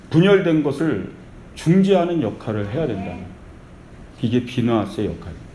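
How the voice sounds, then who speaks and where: A man preaching a Sunday sermon as pastor, telling a story with lively energy and calling the congregation to faith. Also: mid-range voice. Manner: animated storytelling with repeated calls of faith. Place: church sanctuary. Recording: echoey church hall with faint noise.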